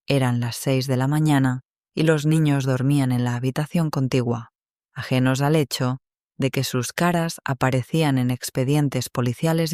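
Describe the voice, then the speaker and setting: Man, scripted story narration, steady measured delivery, mid pitch, dry close sound. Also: no echo.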